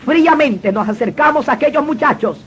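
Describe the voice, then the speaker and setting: High-voiced man giving earnest testimony. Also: animated, fairly quick, fairly bright tone. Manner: earnest, dramatic storytelling. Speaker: testimony speaker. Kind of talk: personal testimony. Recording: dull lo-fi recording with faint noise.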